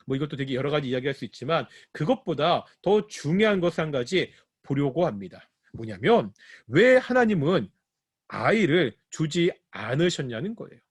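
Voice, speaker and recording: A man's voice: on the high side, very animated, normal speed, slightly rough, no echo, studio quality. A male pastor teaching a Bible study sermon, often asking the congregation questions and then answering them himself. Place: church.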